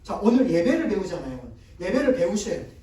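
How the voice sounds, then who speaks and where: A man preaching a conversational sermon, with a high but mellow voice. He talks with the congregation, asking questions and having them repeat his words. The sound is distant and very echoey, as if caught from far off in a large church hall. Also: big pitch swings, quick pace. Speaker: guest pastor. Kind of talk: sermon seminar. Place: church sanctuary.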